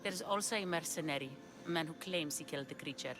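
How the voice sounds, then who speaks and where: Low-pitched and quick, an actress's lightly acted voice carries an earnest, explaining tone as she plays a desperate, lovesick woman of ancient Greece looking for her lover in a video game. The delivery is pleading, and music and noise fill the background.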